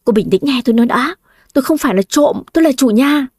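Woman reading as a calm young baker. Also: high voice, quick pace, slightly rough, dry recording, clean studio sound. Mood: placating. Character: young man, calm baker who took over the shop.

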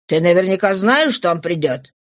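A woman voicing a scheming, gruff old father who barks curt orders in an audiobook reading. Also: on the low side, animated, normal speed, dry recording, clean studio sound, lightly acted. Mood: gruff, wary.

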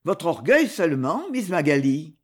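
A man's voice: fairly high pitch, very animated, moderate pace, breathy edge. A reader voicing a proud young male duke who earnestly pleads for a marriage, in an audiobook. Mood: pleading.

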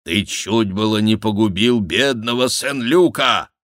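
Man doing a slow booming heavenly voice. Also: a bit bright, no room sound, clean studio sound. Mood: stern. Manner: slow, solemn, preaching. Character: booming male voice posing as God, stern.

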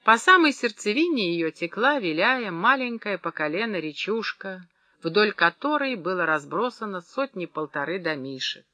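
A woman reading a novel aloud in an even, measured narration. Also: mid-range voice, dry recording. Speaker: audiobook narrator. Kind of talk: scripted narration.

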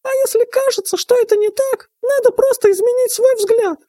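A tiny squeaky philosophical mouse. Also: male voice, steady tone, normal speed, mellow, dry recording, studio quality. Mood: serene. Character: tiny calm philosophical male talking mouse. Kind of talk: audiobook character voice.

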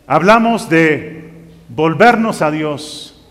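A man's voice: fairly high pitch, lively intonation, extremely slow, fairly bright tone. A man preaching a sermon, reading scripture aloud and rising to emphatic bursts. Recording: long reverb of a hall.

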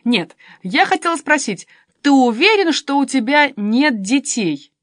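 A woman's voice: on the high side, expressive, a bit bright, no room sound, clean studio sound, voice pushed up. A woman reading a story, voicing a cheeky, mocking teenage daughter. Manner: quick, teasing, pert.

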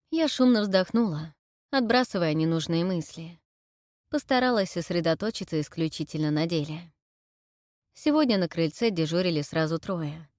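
A woman narrating an audiobook in the first person with lively, expressive storytelling. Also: fairly low pitch, no room sound, clean studio sound.

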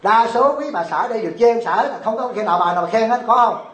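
A man's voice: high-pitched, fast talker, echoey room, noisy background. A man, a Buddhist monk and abbot, gives a humorous dharma talk to a congregation, quizzing them and acting out the people in his stories. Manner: joking, acts out quoted widows and husbands, quizzes the audience. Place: temple hall before a large audience.

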